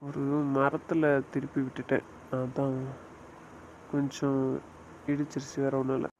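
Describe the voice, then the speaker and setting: A man's voice: mid-range voice, completely flat delivery, moderate pace, a little mellow, muffled recording, a little hiss or hum, natural voice. A man playing a young husband who hesitantly downplays a head injury and soothes his wife in an audio drama. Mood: explaining.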